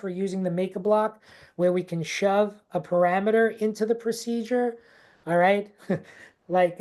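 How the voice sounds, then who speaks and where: With a mid-range, darkish voice, a woman runs a teacher workshop live over a video call. She is a chatty, informal teacher trainer who keeps asking "okay?" and "right?", and her unnamed regional accent is not native to Texas.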